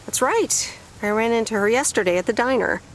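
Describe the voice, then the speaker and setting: A friendly woman in her forties returning to her hometown in a video game. She talks lightly and teasingly, her slightly high voice moving through a lively, wide pitch range. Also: a little hiss or hum. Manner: light, teasing, quick to laugh.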